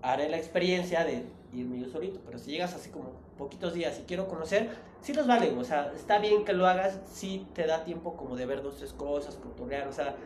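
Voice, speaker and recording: A young Mexican man chatting casually with a friend, telling stories in a slangy, animated way. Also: fairly high pitch, a little fast, hardly any pauses, echoey room, a little hiss or hum. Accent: Mexican Spanish. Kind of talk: casual chat between friends.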